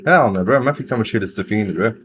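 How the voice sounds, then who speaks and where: A man hosting a music reaction, talking in an excited, chatty, slang-heavy way. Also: fairly low pitch, rapid-fire. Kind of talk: casual reaction commentary.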